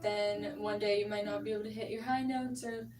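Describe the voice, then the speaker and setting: A woman's voice: mid-range voice, fairly even intonation, fairly quick, a little mellow. A young adult woman, a vocal coach, patiently explaining singing technique with casual fillers. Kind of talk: singing lesson instruction. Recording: roomy, distant mic, faint music.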